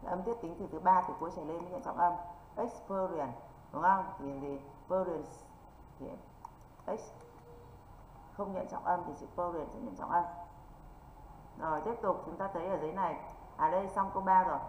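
A woman from northern Vietnam teaches an online English exam-prep lesson, her voice on the low side. She keeps checking in with quick rhetorical questions, and the lo-fi audio is echoey and dull with faint noise.

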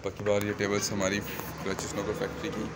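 A man's voice: fairly low pitch, monotone, fast, very noisy. A young man from Pakistan showing off a snooker club at night in a chatty, promotional way, filming on a handheld phone. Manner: chatty, promotional, pointing things out. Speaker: snooker table maker. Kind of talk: phone-filmed walkthrough vlog. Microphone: phone camera held close.

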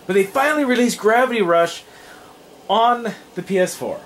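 Animated young man hosting a game playthrough. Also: sits high, moderate pace, slight background noise. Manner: rambling, animated, trailing off with fillers. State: tired. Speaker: let's play host. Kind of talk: casual gameplay commentary.

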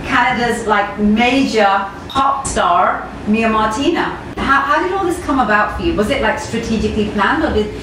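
An enthusiastic woman in her forties hosts an interview, gushing and peppering her questions with ums. Her voice carries a heavy room echo, picked up by a mic set some way off, with a steady hum of noise underneath. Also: on the high side, moderate pace, hardly any pauses. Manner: effusive, enthusiastic, many ums. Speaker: interview host. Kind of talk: conversational interview. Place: studio set with red wall. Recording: echoey room, mic at a distance, audible room noise.

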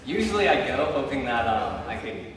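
A man's voice: mid-range voice, sing-song, moderate pace, a little hiss or hum. Young man preaching in an echoey church. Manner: chatty storytelling with frequent ums and likes. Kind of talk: casual sermon. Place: church sanctuary. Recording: echoey church hall from far off.

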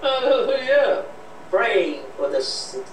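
A man in the congregation with a fairly high voice, calling out short affirmations. He sounds distant and echoey. Loud noise covers much of his voice. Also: very animated, measured pace. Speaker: congregation member.

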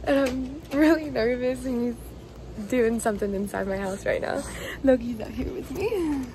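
A woman's voice: sits high, moderate pace, background noise. A young woman vlogging in a casual, gushing, emotional way. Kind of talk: casual vlog talk.

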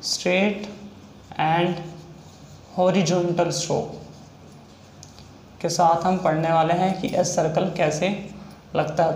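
High-voiced man teaching in an echoey room. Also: darkish tone. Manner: repetitive step-by-step explaining. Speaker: shorthand teacher. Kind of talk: explanatory video lesson. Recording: echoey room with faint noise.

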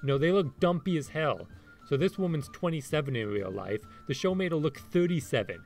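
A man's voice: fairly high pitch, expressive, a little fast, creaky, darkish tone. A man who says his r like w, giving sarcastic, exasperated commentary as an opinionated critic who swears. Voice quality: rhotacism, r sounds like w. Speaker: video essay critic. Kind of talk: opinionated ranting video commentary. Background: music behind the voice.

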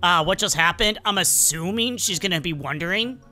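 Jumpy girl animatronic fox, voiced by a woman, lively and bright, always asking questions. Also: lowish voice, brisk, soft background music. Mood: uneasy. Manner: exclamatory, questioning. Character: female animatronic fox, easily rattled. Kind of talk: comedic roleplay.

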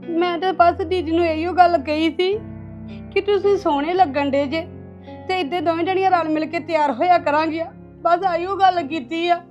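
A woman acts out a tearful young newlywed bride in a family drama, pleading that she did nothing wrong. Her voice sits very high and sounds crying. The recording is dull and lo-fi, with music running behind. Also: steady tone, normal speed, darkish tone. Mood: hurt.

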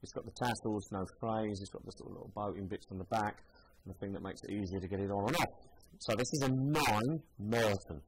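Chatty man, low voice. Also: fairly quick, a little hiss or hum, low-quality recording. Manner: chatty, thinking aloud while trying on shoes. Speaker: shoe seller. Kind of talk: casual product demonstration.

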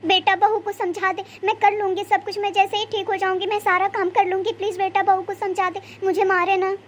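A high-voiced performer plays a worn-out old widow, a mother-in-law in a cartoon family drama, who talks in tired, begging tones. Her voice sits very high and thin, with a faint hiss of noise behind it. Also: little pitch movement, fairly quick, fairly bright tone. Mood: pleading. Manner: tearful, begging. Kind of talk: cartoon voice acting.

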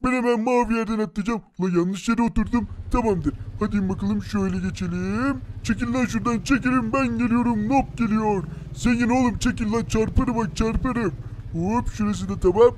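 An excitable young racer in a Minecraft cartoon, played by a man, full of gasps and cries of surprise. His voice sits high and bright for a grown man. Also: brisk, slight background noise, close to an everyday voice. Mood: excited. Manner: excitable, gasps and laughs often. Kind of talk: Minecraft animation voice acting.

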